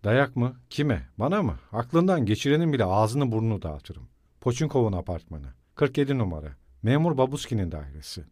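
A man voicing a hot-tempered, loyal young male friend in an audiobook, talking loudly and scolding. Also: mid-range voice, very animated, brisk, no echo, studio quality. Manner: loud, scolding, exclamatory. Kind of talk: audiobook character reading.

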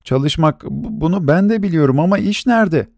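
A man's voice: on the high side, lively intonation, a little fast, gravelly, darkish tone, no echo, clean studio sound, voice pushed up. A man voicing a young drunken beggar who pleads and stammers. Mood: confessing.

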